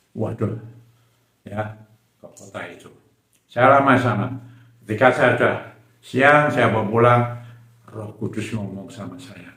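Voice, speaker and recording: A man preaching a sermon, telling a personal testimony in an animated way and often addressing the congregation directly. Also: fairly low pitch, roomy sound. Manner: animated storytelling, often addressing listeners as "saudara". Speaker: evangelist preacher. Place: church hall.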